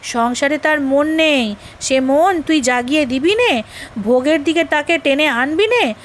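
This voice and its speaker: A woman's voice: sits high, animated, a little hiss or hum. A woman reading the part of a mocking village woman who scolds a young wife with taunting questions. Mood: scolding. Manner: taunting, rapid-fire questions.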